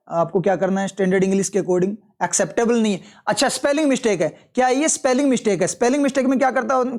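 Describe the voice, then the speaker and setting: A man's voice: extremely high pitch, a little mellow. A man teaching English for exam prep, going through test answers step by step and asking and answering his own questions, with Hindi explanations mixed with English terms. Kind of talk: live test solution walkthrough.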